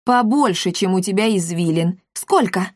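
A commanding tomcat who runs a gang of talking cats, voiced by a woman reading a storybook. He speaks low and unhurried, with growling threats. The sound is dry and close. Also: animated, no room sound, close to an everyday voice. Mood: scheming. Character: gruff male talking-cat gang leader.

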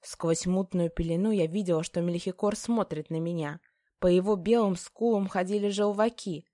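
A woman narrating a novel in the first person with an emotive, expressive reading. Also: lowish voice, normal speed, no echo, studio quality. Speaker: audiobook narrator.

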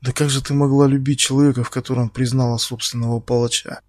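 A man voicing a menacing male captor who speaks slowly and quietly, taunting his victim. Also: medium pitch, flat delivery, dry recording, clean studio sound, natural voice. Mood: quiet menace. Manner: slow, quiet, taunting, bursts into shouting.

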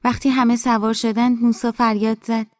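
A woman narrating an audiobook in a soft, hushed, inward way, recorded on a studio mic. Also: on the high side, little pitch movement, dry recording.

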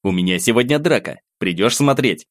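A man reads a young student friend in an audiobook, blunt and terse, speaking in short, curt replies. His voice is low and deep, recorded close and dry. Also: lively intonation, fairly quick, dry recording, natural voice.

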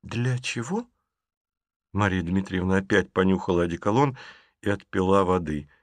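A man narrating a classic novel as a measured audiobook reading. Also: deep voice, little pitch movement, no echo. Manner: measured, literary storytelling.

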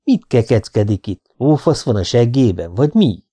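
A woman's voice: rumbling low, big pitch swings, mellow, breathy edge, dry recording, heavily acted. A man reading a drawling, crude bar waitress. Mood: sassy. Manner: drawling, slangy, coarse. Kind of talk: audiobook reading.

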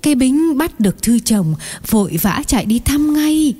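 A man's voice: very high voice, lively intonation, moderate pace, warm tone, breathy edge, voice pushed up, heavily acted. A man voicing a fussy, talkative elderly aunt in an audiobook, exclaiming and clucking with sympathy. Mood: sympathetic. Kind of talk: audiobook narration.

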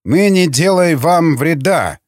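A man voicing a gray-haired elderly male commander who speaks slowly and sternly, with halting phrases. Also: fairly high pitch, huge pitch swings, fairly bright tone, dry recording, clean studio sound, full character voice. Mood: stern calm. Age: older. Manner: slow, stern, halting Russian.

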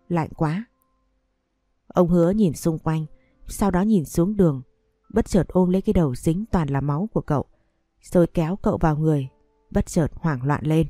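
A woman reading out a dramatic story as narrator, voicing every character's lines in the same even voice. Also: on the low side, no echo. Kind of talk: scripted narration of a melodrama story. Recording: dry close recording with faint music behind.

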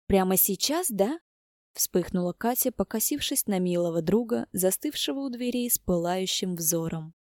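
A woman narrating an audiobook in an even, steady storytelling voice. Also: mid-range voice, moderate pace, hardly any pauses, no echo, clean studio sound.

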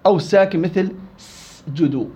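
A man's voice: high voice, normal speed, mellow, highs cut off. A man teaching Quran recitation rules in a classroom lecture, explaining rules and quizzing his students.

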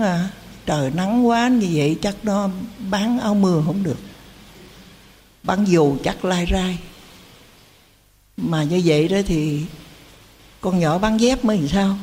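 A woman's voice: medium pitch, a little mellow, big-room sound. A woman giving a Buddhist dharma talk, telling folksy stories and asking rhetorical questions. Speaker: Buddhist teacher.

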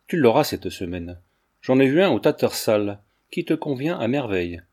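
A sly young gentleman who teases his mistress with easy, mocking charm, as a male audiobook reader puts him on. The voice is mellow and warm, at a middling pitch, and it keeps a light, amused edge throughout. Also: very animated, normal speed, slightly rough. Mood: teasing. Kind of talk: audiobook character reading.

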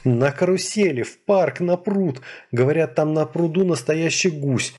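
A man's voice: a little high, unhurried, a little mellow, pitched above the performer's own voice. A man voicing a teasing, playful young woman. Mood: eager. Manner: light, teasing, laughing. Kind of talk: audiobook character voice.

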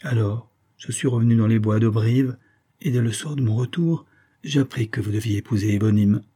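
A man's voice: lowish voice, brisk, warm tone, lightly acted. A man voicing a passionate, bitter young lover in a read-aloud story, speaking earnestly.

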